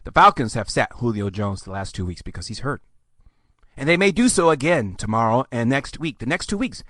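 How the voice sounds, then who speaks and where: A man's voice: medium pitch, very animated, a little fast, fairly bright tone, no echo. A man hosting a podcast, ranting sarcastically with theatrical mock outbursts. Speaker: podcast host. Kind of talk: sarcastic solo podcast rant.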